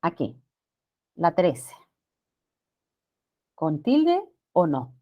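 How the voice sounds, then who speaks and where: A woman teacher giving a grammar lesson to students, often checking in with them and drawing out words slowly for emphasis. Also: sits low, huge pitch swings, highs cut off. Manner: addresses students with frequent checking questions.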